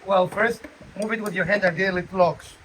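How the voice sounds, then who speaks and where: Man, high-pitched, informal DIY demonstrator, joking and checking in often, phone video with faint noise. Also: fairly even intonation, moderate pace, fairly bright tone, low-quality recording. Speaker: co-host demonstrating a DIY repair. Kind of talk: casual how-to chat.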